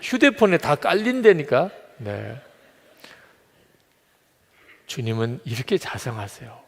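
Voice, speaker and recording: A male pastor preaching a sermon, telling stories with animated swings between loud emphasis and hushed asides. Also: mid-range voice, takes it slowly, vocal fry, husky. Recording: long reverb of a large hall.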